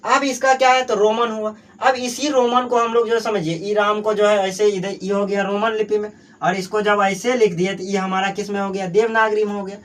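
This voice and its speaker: A young man with a Bihari Hindi accent and a notably high voice leads an exam-prep grammar lesson. He keeps putting questions to the class and answering them himself, and he leans heavily on the filler "jo hai" as he explains. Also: little pitch movement, normal speed, hardly any pauses, fairly bright tone. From Bihar, Mithila region. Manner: asks and answers his own questions, heavy filler "jo hai". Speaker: teacher.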